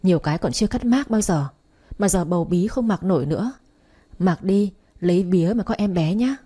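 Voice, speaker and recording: A woman's voice: lowish voice, animated, brisk, dark tone, slightly rough. A woman doing a young pregnant woman crying out. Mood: friendly chatty. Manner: wailing and accusing in panic. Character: young pregnant woman, chatty then hysterical.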